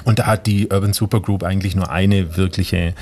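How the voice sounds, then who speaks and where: A man in a casual radio chat, talking in a relaxed, joking way with hedging asides. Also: low-pitched, fairly quick.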